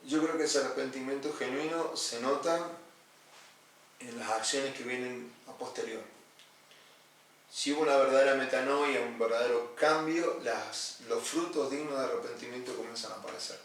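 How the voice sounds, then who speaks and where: Earnest pastor, echoey and distant. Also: male voice, medium pitch. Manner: earnest, explanatory, repeats key phrases. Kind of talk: Bible study teaching and counseling. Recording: echoey room, distant mic, faint noise.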